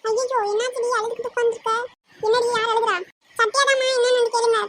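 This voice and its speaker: Woman doing a squeaky fast-talking bossy sister. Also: little pitch movement, slight background noise. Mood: nagging. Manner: nagging, rapid questioning. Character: bossy teenage girl, the heroine's sister.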